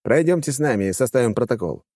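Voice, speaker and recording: A man's voice: mid-range voice, lively intonation, fast talker, mellow, no echo, clean studio sound, pitched above the performer's own voice, close to an everyday voice. A man doing a stiff polite gendarme. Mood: formal. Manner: formal, courteous. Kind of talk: audiobook character voice.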